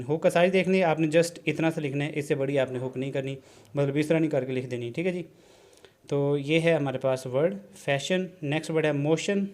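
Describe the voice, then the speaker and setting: A man's voice: fairly high pitch, a little mellow. Man teaching a shorthand lesson. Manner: explanatory, repeats "theek hai ji", mixes English terms into Urdu. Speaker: shorthand instructor. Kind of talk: classroom-style video lesson.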